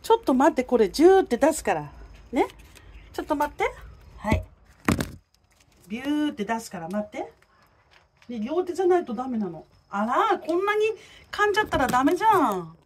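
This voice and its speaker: A woman's voice: sits high, sing-song, fairly quick, pauses often, a little hiss or hum. A woman chatting to a neighborhood cat while filming it on a phone outdoors, coaxing and teasing it. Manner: chatty, coaxing, talks to the cat in a sing-song voice.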